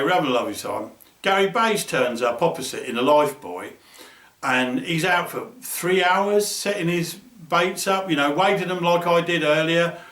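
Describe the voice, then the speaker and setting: A man casually telling fishing stories, animated and swearing freely, acting out the voices of the people in his stories. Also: a little high. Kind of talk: casual storytelling. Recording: roomy, distant mic.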